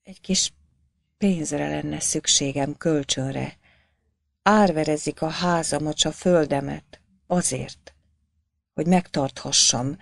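A woman voicing a humble, shamed poor peasant man who speaks softly and stammers. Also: deep voice, gravelly, long pauses, no echo. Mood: timid. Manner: timid, stammering, soft-spoken.

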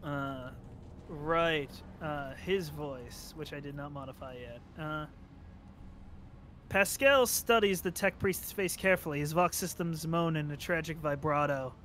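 Male game master, fairly high voice, reads scene text between casual asides. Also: measured pace, fairly bright tone, slight background noise. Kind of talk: narrating a tabletop game.

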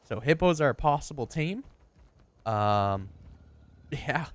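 A man's voice: mid-range voice, slow pace. Chatty man commenting on his gameplay. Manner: chatty, excitable, talks to viewers and game animals. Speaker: gameplay streamer.

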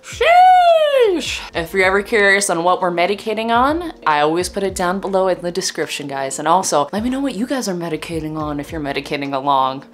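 A young woman vlogs with a slightly low voice. Her manner is that of a laid-back stoner, slangy and giggly, and she chats informally to her viewers. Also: expressive, quick pace, hardly any pauses, fairly bright tone. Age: young adult. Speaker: vlogger and streamer. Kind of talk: casual chatty vlog. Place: small indoor room at a desk.

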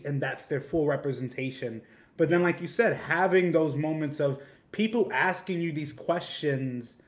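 A man hosting a podcast, speaking in an earnest, measured way in long, thoughtful turns through a headset on a video call. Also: fairly high pitch. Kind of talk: reflective podcast conversation.

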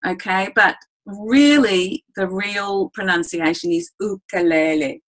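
Aussie woman running a music webinar, bubbly, talks to everyone as guys, bit high-pitched. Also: animated, unhurried, fairly bright tone, poor audio. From Australia. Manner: enthusiastic, chatty, addresses listeners as "guys"; demonstrates on the ukulele while talking. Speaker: music educator. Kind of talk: webinar teaching.

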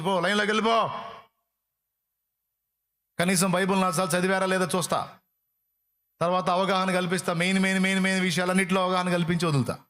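A man preaching a sermon, impassioned, swinging from loud appeals to hushed pleading. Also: high-pitched.

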